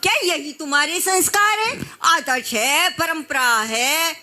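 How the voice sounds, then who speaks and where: A woman's voice: high voice, lively intonation, a little slow, pushed and bright, full character voice. A woman playing a bossy, nagging mother-in-law in an amateur comedy skit, scolding and wailing melodramatically.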